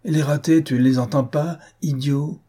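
A man puts on a proud gentleman detective in a storybook reading, shouting insults one moment and pleading the next. The voice sits higher than the reader's own, with a dark, husky grain. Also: steady tone, moderate pace. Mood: angry. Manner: raging, then broken and pleading. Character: furious, anguished gentleman detective in his prime.

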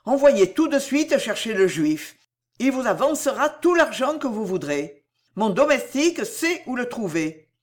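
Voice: mid-range voice, very animated, unhurried, pitched above the performer's own voice. A reader doing a desperate, impassioned ruined man. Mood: effusive. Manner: loud, impassioned. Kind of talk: audiobook reading.

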